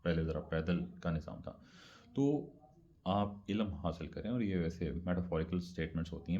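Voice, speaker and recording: Man, low mellow voice, casual explainer, repeats points, dull lo-fi recording. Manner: conversational, repeats points, mixes English words. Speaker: speaker explaining religious practice. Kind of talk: casual religious explainer talk.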